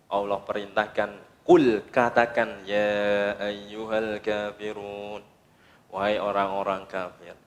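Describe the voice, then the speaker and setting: A man preaching a sermon, speaking emphatically in short phrases that often climb to high, insistent peaks. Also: fairly bright tone.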